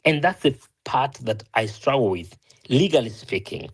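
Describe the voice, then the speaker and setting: An earnest Kenyan man makes his argument in an opinionated discussion, repeatedly correcting and restarting himself, his voice climbing as he drives a point home. It is mid-range, husky, and expressive, at a moderate pace.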